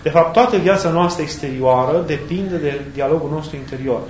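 A man preaching a sermon in a thoughtful way, pausing and searching for words as he goes. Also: a little high, a little mellow. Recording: echoey, dull sound with faint background hiss.

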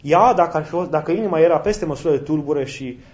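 A man's voice: on the high side, darkish tone. Conversational male preacher, lo-fi sound. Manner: conversational, with rhetorical questions and acted-out quotes. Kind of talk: sermon.

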